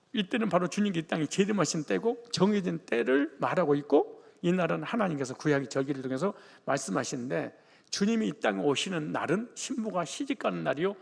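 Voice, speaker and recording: A man's voice: high-pitched, vocal fry, husky. A male pastor from the Jeolla region of Korea preaching a sermon in a colloquial, joking manner. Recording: long reverb of a large hall.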